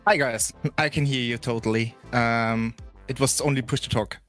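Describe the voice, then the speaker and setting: A man's voice: mid-range voice, steady tone, normal speed, a bit bright, faint music behind. A man calling in over a group voice chat as a friend of a racing driver, chatting casually and laughing as he tells a story. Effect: heard over a group voice chat. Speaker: friend of a sim racing driver, call-in guest.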